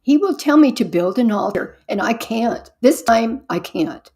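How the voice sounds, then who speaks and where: A woman reading aloud voices a frightened young heroine who pleads and gasps in panic, higher and louder than her narration. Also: big pitch swings, moderate pace, creaky, slightly rough, full character voice. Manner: panicked, trembling.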